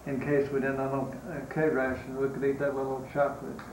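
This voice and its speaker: An elderly American man with a Southern accent, a war veteran remembering in an interview, halting with long pauses. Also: mid-range voice, monotone, a little mellow. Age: 80s or older. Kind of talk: unscripted reminiscence in an interview. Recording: roomy, distant mic, faint noise.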